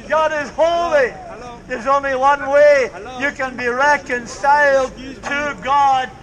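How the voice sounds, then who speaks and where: An older man preaches in the open air of a market square, fervent and repetitive, his very high voice slow, fairly bright and fairly even in intonation. A distant camera picks up the outdoor sound as he uses a handheld mic and speaker.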